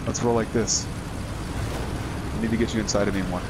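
A man's voice: lowish voice, steady tone, fairly quick, heavy background noise. A man chatting casually over a game, teasing his friends with plenty of swearing. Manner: profane, teasing banter. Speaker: gamer.

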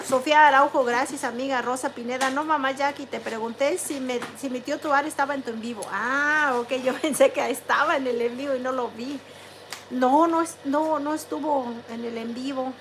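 High-voiced chatty woman livestreamer. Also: steady tone, normal speed, slight background noise. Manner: chatty, warm greetings to each viewer, reads chat names aloud. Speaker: livestream host. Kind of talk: casual livestream chat, reading comments aloud.

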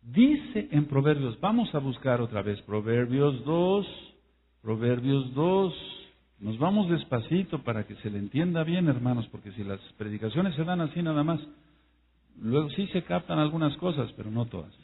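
A man preaching a sermon to his congregation, emphatic, his voice rising and falling, slowing down to spell out words. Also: mid-range voice, animated, slight background noise. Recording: echoey hall over a tinny phone-like line.

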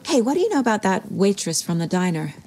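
A woman's voice: mid-range voice, big pitch swings, fast, a little mellow, a little hiss or hum. A woman playing a businesslike FBI agent in a video game, serious and direct. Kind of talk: naturalistic video game acting.

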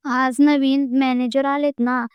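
A woman voicing a playful young woman bank clerk who is upset and talks slowly through tears. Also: high-pitched, flat delivery, no echo, highs cut off. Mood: tearful.

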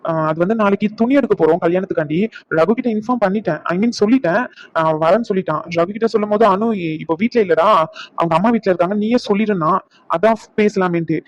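A man voices a brash young man in a cartoon, a hospital worker who bosses his friends around and slips English words into his talk. His voice is high for a man and very quick, and the recording is a bit muffled and lo-fi. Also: no echo, lightly acted. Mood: polite. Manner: brisk, bossy, mixes in English words. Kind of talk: cartoon voice acting.

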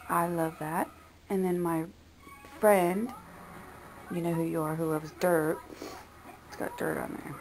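Woman, rambling chatty vlog, phone recording, low mellow tone, vocal fry. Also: a little hiss or hum, poor audio. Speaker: vlogger. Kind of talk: casual haul vlog.

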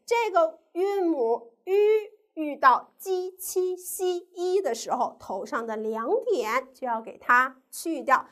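A woman's voice: sits high, a bit bright. A woman teacher giving a primary school pinyin lesson, asking the children questions and drawing out each sound in a sing-song way.

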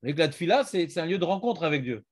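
A man's voice: on the high side, big pitch swings, fast talker. A man teaching a Talmud class, questioning and prodding his students.

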